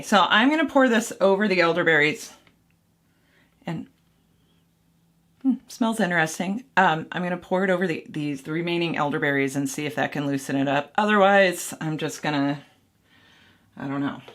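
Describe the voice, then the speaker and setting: A woman's voice: sits low, normal speed, a bit bright. A woman making mead at home and casually talking the viewer through each step, rambling and poking fun at her own mistakes. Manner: rambling, self-deprecating, thinking aloud. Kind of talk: casual how-to vlog.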